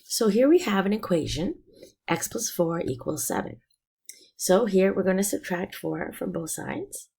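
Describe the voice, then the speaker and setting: A woman teacher patiently works through a math lesson step by step, a little slowly and expressively. Hoarse from a cold, her low voice is raspy, gravelly and somewhat dark. Even so, her pitch still rises and falls a lot as she explains.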